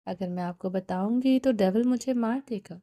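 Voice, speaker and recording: A woman's voice: medium pitch, warm tone, natural voice. A woman reading the part of a scared, evasive young woman who pleads and refuses to answer.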